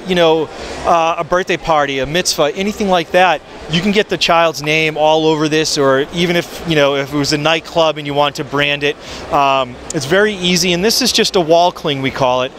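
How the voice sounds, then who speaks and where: A man in his forties with a fairly high voice talks up his product in an upbeat, salesy way, filling pauses with ums. He holds a handheld mic on a busy trade show floor, and clear crowd and hall noise run behind him. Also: fairly bright tone. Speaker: photo booth maker.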